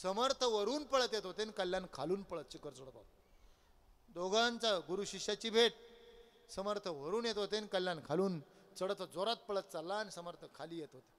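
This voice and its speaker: A high-voiced male kirtan preacher, resonant and clear, tells a sacred story with animated questions and answers. His voice is picked up through a public address microphone. It rings out with a long reverb in a large hall. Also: normal speed. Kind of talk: devotional storytelling sermon.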